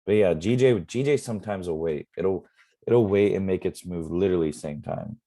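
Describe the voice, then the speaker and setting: Low, dark-voiced man explaining trades. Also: moderate pace. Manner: relaxed, rambling, many fillers. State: losing his voice. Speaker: forex trading mentor. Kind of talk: casual live trading explanation.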